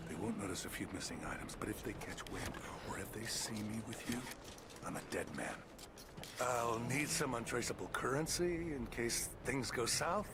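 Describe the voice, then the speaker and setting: An actor playing a nervous contractor who secretly sells gear, talking in a hushed, furtive way in a video game. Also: male voice, medium pitch, heavy background noise, close to an everyday voice. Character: nervous male contractor selling gear on the sly.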